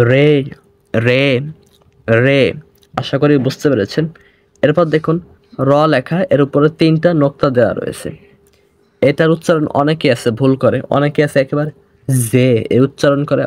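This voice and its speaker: A man with a Bangladeshi Bengali accent teaching an online grammar lesson, slowly repeating sounds to show how they are said. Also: on the high side, darkish tone, no room sound. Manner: slow, repeats sounds to demonstrate pronunciation.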